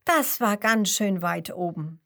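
A woman's voice: mid-range voice, lively intonation, slow, fairly bright tone. A woman voicing a cheerful little French frog. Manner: friendly, chatty, proud of home. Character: cheerful young male frog from France.

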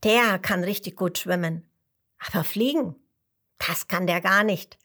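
A woman voicing a tiny, boastful male mosquito in a storybook read-aloud, talking eagerly and loudly. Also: on the low side, unhurried. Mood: excited. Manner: eager, loud, show-offy. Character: small boastful male mosquito, excited chatterbox.

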